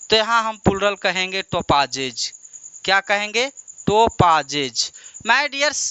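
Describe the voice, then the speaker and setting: A male teacher works through a lesson with a crisp, resonant voice that carries a bright edge. He keeps turning each answer back into a question for his students and encourages them patiently. The sound is close and dry. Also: high-pitched, no echo. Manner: repeats answers as questions to the class. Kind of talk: classroom lesson at a board.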